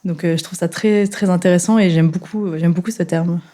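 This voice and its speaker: A woman's voice: lowish voice, fairly even intonation, a little fast, mellow. A woman in her twenties from France, a young engineer chatting casually as a guest, with many fillers and restarts. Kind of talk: casual chat.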